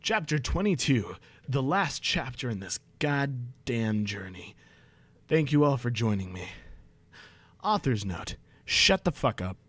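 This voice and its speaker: Animated young man doing sarcastic readings. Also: medium pitch, unhurried, husky, dry recording. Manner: sarcastic, exasperated asides, profane. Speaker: streamer reading fan fiction. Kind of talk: comedic dramatic reading.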